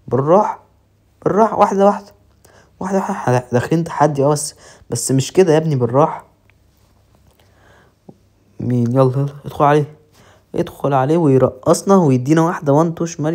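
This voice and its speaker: A man with an Egyptian accent commentating his own football game match with excited, joking play-by-play. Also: mid-range voice. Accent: Egyptian Arabic. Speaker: mobile football gamer.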